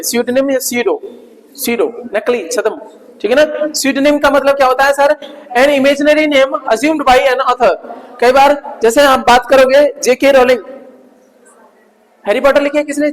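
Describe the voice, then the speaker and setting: Man drilling vocabulary in a classroom. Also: very high voice. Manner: drills students, repeating words and quizzing. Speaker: teacher. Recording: reverberant classroom.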